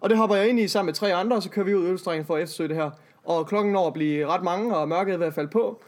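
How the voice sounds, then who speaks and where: A young man as a podcast guest, telling a story in a dry, wry way and cursing casually. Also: high voice.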